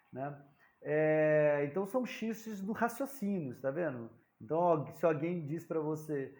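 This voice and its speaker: A man's voice: a little high, a little mellow. Chatty man explaining jokes. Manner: conversational, frequent tag questions, acts out joke dialogues. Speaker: psychoanalysis lecturer. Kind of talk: informal lecture to camera.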